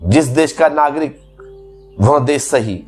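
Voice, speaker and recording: A man's voice: a little high, slow, a little mellow, soft background music. A man giving a spiritual discourse as a teacher, explaining patiently through repeated everyday examples.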